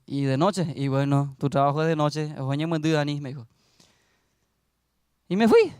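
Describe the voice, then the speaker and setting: A young man preaching a sermon, telling a story and then rising into loud exhortation. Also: a little high, normal speed, smooth, no echo, studio quality.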